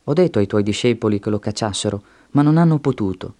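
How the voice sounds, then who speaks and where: A man voicing a desperate middle-aged father who pleads, a little higher than his plain reading. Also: expressive, fast talker, mellow, no room sound, lightly acted. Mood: pleading.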